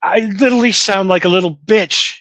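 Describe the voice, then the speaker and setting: A middle-aged man co-hosting a casual podcast, telling stories in an animated, self-mocking, profane way from a small studio. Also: high voice, brisk, no echo. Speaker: podcast co-host. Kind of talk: casual stoner chat.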